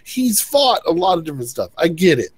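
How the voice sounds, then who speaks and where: A man's voice: fairly high pitch, big pitch swings, a little fast, slightly rough. A man co-hosting a casual TV recap, retelling scenes by acting out the characters' lines and laughing often. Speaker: podcast co-host.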